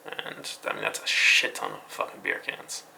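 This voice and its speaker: Speaking at a moderate pace with a sharp tone, a man runs an offhand, informal recap of internet news, loosely scripted and now and then profane. The recording is rough, carrying a bit of light noise.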